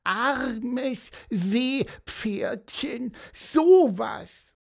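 Storyteller doing a high squeaky bird, nosy and fussy, swooping around a lot. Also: expressive, extremely slow, vocal fry, full character voice. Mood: pitying. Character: small excitable nosy bird.

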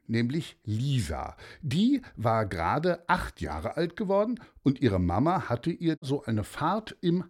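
A man reads a children's story aloud at a slow, unhurried pace. His voice is slightly husky, and its pitch moves a lot. He explains things gently and sometimes repeats small words.

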